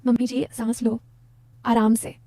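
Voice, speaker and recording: A woman voicing a 28-year-old son-in-law in a Hindi audio story, in a soft, respectful way. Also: extremely high pitch, completely flat delivery, measured pace, no echo. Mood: surprised. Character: affectionate young son-in-law, 28.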